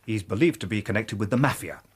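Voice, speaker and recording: A Victorian English police inspector in a radio drama. His voice is husky and swings freely in pitch. He is blunt, sceptical and rather pompous. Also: expressive, fast talker. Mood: pompous, explanatory. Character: bluff, self-satisfied Victorian English police inspector, plain-minded and sceptical.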